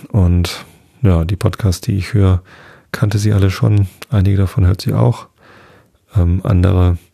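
Deep gravelly male podcast storyteller. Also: dark tone, dry recording. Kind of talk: fairy tale reading.

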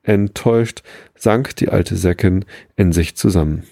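A man calmly reading a Christmas story aloud in a measured storytelling manner, recorded close in a dry room. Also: sits low, creaky, no room sound.

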